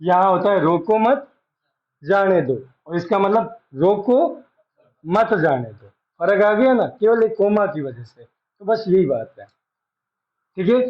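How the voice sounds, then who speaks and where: A man with a fairly high voice gives a classroom reasoning lesson, taking his time and going over each phrase again. The recording sounds dull and lo-fi. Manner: slow, repeats each phrase while explaining. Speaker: reasoning teacher. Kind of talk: classroom lecture.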